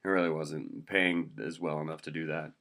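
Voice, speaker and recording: A young man from Montana talks alone as the host of his own web show. His voice sits low and deep. He rambles in a loose, chatty way, restarting sentences as he goes. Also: level tone, moderate pace, fairly bright tone. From Montana, USA. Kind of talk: casual solo monologue.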